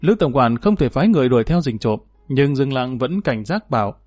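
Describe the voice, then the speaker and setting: A man's voice: medium pitch, lively intonation, a little fast, darkish tone, no echo, faint music behind. A man narrating a historical novel, reading steadily and lifting his voice when characters speak. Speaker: audiobook narrator.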